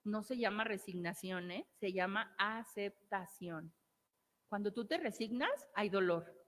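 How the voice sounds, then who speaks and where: Her voice mid-range and fairly bright, a Mexican-accented woman therapist gives a motivational speech at a measured, expressive pace. She drives her points home with repeated phrases and rhetorical questions. The audio carries a long, hall-like reverb.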